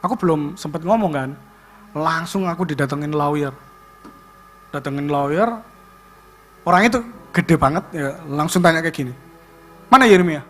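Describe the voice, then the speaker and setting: A young man tells a personal story to a youth congregation. His voice sits fairly high, and he talks in an animated, chatty way, looping back on his points. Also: moderate pace, long pauses. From Indonesia. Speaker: youth service speaker. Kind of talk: personal testimony.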